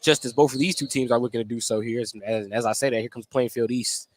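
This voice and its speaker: A man calls live basketball on the radio as a play-by-play announcer, describing each play in running detail from inside a high school gym. His voice sits at medium pitch with fairly even intonation and a fast delivery. The recording is dry yet noisy, as live gym broadcasts tend to be.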